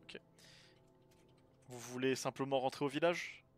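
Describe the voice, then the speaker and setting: A man runs a tabletop role-playing game, describing scenes and ruling on actions. His pitch sits in the middle, and music plays behind him. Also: a little slow. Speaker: game master. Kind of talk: improvised tabletop game narration. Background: background music.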